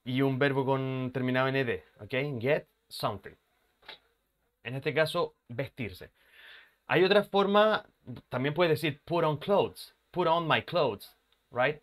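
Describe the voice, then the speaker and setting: A male English teacher talks his students through a lesson at an unhurried pace. He repeats words slowly for practice and keeps asking whether they follow. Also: medium pitch. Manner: checks in often with "ok?" and "ya?".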